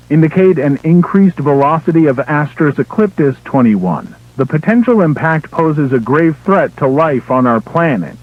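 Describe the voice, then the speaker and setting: A man plays an official emergency broadcast announcer, reading a scripted alert in a formal, measured, impersonal manner. His voice is a little high and runs through a tinny, band-limited radio filter.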